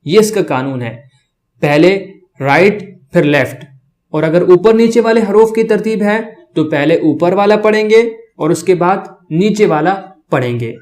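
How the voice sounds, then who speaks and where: A man with a high voice leads a beginners' reading lesson. He stretches out each letter sound slowly and keeps checking that his learners follow. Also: lively intonation, darkish tone. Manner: slow, drawn-out letter sounds for repetition, checks in often. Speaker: Arabic alphabet teacher.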